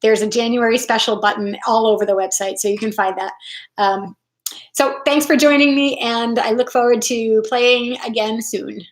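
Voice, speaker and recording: A woman talking casually as a self-help coach in a live video, chatty and animated, acting out inner voices in a higher tone. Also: moderate pace. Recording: echoey room.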